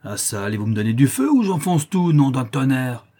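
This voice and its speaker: A man's voice: medium pitch, moderate pace, a little mellow, voice pushed up, natural voice. A man putting on a bellowing drunken brute. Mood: bullying. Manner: bellowing, threatening, slurred. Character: drunken lame brutish male neighbor.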